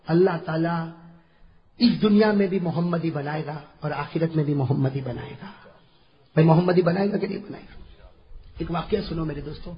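A man preaching a sermon to a large gathering, dropping to a soft murmur and then rising to fervent shouts as he calls out to his listeners. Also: sits high. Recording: echoey hall, dull lo-fi sound.

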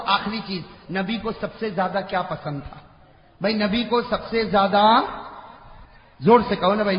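A man preaching an impassioned sermon to a large gathering, swinging between shouting and hushed talk and prompting the crowd to answer back. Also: high-pitched, a little hiss or hum. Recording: echoey, dull-sounding hall recording with faint crowd.

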